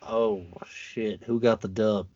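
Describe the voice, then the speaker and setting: A man's voice: on the low side, fairly even intonation, slow pace, a little mellow, dull audio. A man co-hosting a podcast, chatting casually about football, laid-back and laughing easily, with frequent restarts. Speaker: podcast co-host. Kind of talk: casual sports chat.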